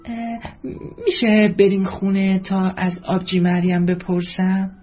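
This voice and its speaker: A man voicing a cheerful, shy little girl with a high, childlike, pleading voice in a storybook reading. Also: monotone. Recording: dull lo-fi with faint music.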